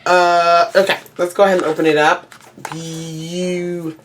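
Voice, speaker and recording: A woman's voice: lowish voice, fairly even intonation, a little fast, slight background noise. A woman giving a casual makeup review to camera, rambling and often doubling back to repeat herself. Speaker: beauty reviewer.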